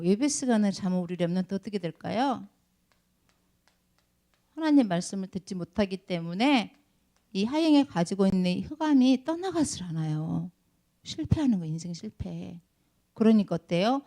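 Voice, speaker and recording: A middle-aged woman giving a children's sermon as Sunday school teacher, animated and often asking the children questions. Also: medium pitch.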